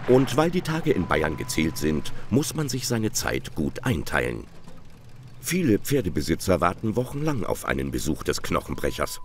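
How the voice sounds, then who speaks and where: A man's voice: low-pitched, huge pitch swings, normal speed, a little hiss or hum. A man narrating a television documentary in a wry, playful scripted style.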